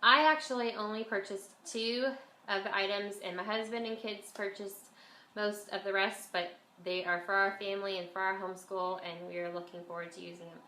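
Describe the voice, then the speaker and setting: A woman's voice: medium pitch, fairly even intonation, brisk, bright, forceful tone. Congested woman vlogger, nose-pinched nasal sound. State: has a bit of a cold. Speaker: homeschool vlogger and mother. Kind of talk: casual chat to camera. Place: at home, indoors. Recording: echoey room, faint background noise.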